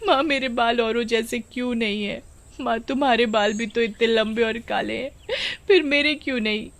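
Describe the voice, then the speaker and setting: Casting: a timid, tearful young village girl, put on by a woman, storybook, high voice. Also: moderate pace, lightly acted. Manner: stammering, pleading.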